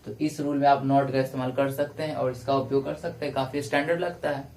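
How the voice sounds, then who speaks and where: A male English teacher giving a classroom lecture, explaining grammar rules step by step and repeating each example slowly. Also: medium pitch, level tone, darkish tone. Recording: echoey room, voice from a distance.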